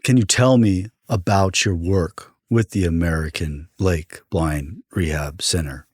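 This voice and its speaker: A male host with a very deep voice asks short, direct questions. His voice is husky and close to the mic, with a dry sound. Soft guitar music plays underneath. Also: a little slow, dry recording. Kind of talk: interview questions and outro.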